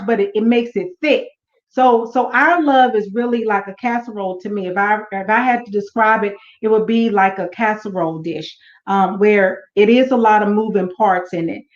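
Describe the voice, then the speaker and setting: A woman on a church panel, talking in a thoughtful, unhurried way with many fillers and restarts. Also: a little high, roomy sound, highs cut off. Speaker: panel guest. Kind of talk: casual church panel talk. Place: church event room.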